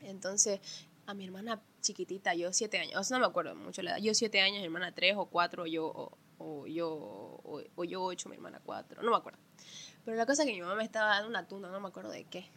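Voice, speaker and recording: A woman, a podcast guest chatting casually and telling animated stories about her family. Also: fairly low pitch, fast talker. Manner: animated storyteller who acts out family members' voices. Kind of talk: casual conversation.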